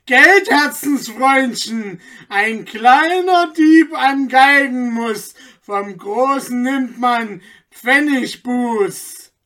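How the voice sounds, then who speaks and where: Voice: sits high, extremely slow, voice pushed up, heavily acted. Narrator doing a wild mocking old soldier. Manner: loud, rhyming, mocking. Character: wild hot-tempered old soldier man.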